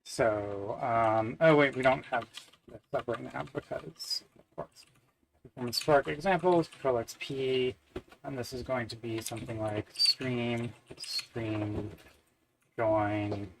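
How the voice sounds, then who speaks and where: A man's voice: medium pitch, fairly even intonation, slow pace, creaky, slight background noise, rough recording. A man with a mid-range voice, thinking aloud as he codes, trailing off into fillers and dry little jokes about himself. Faint keyboard typing clicks away behind him. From Canada. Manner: muttering to self, many fillers, wry self-deprecating asides. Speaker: software developer live-streaming. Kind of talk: thinking aloud while coding.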